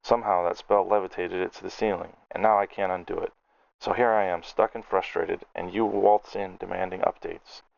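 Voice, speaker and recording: A man's voice: low voice, steady tone, brisk, creaky, no echo, highs cut off. A man voicing a cranky male gnome alchemist who rants and snaps in furious tirades. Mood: furious ranting.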